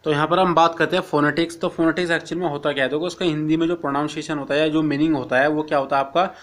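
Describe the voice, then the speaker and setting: Male teacher, slightly high voice, slow read-aloud of lines and then explanation. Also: flat delivery, a bit bright. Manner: reads English lines slowly, then explains in Hindi with frequent "theek hai". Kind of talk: textbook lesson explained line by line.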